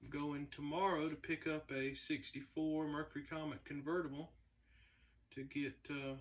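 A man, a race car builder talking casually to the camera in a halting, laid-back way with many fillers. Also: a little high, level tone. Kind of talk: casual vlog talk. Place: large indoor garage shop. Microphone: camera a few meters away. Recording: distant camera mic in a garage.

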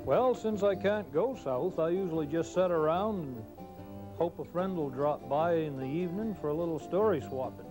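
A man's voice: on the high side, moderate pace, over music. Drawling Maine man spinning tall tales. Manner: dry, drawling, plain-spoken yarn spinning. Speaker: storyteller host. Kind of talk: folksy tall-tale storytelling. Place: studio kitchen set.

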